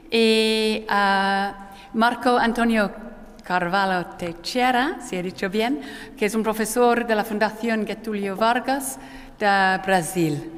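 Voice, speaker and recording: A woman with a non-native Spanish accent moderating a conference panel, hesitant and often correcting herself, her voice echoing through a hall like in a cathedral. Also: medium pitch. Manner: hesitant delivery with frequent self-corrections. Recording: echoey hall with long cathedral-like reverb.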